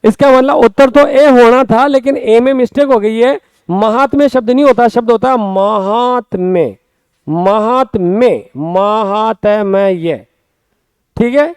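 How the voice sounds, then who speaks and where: A male Hindi grammar teacher with a Rajasthani accent, explaining a class lesson step by step, repeating words slowly and often asking his students quick questions. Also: extremely high pitch, a little mellow, clean tone, dry recording.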